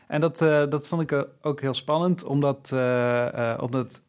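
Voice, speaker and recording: A man, a guest theatre critic who speaks in thoughtful, measured turns. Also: mid-range voice, fairly even intonation, a little mellow, clean tone. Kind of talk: conversational theatre review talk.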